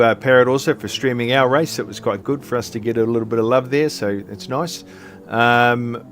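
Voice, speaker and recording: A man's voice: medium pitch, a little hiss or hum. A man co-hosting a sim racing stream, talking in a loose, chatty way with lots of fillers and self-deprecating asides. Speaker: co-host doing the visuals.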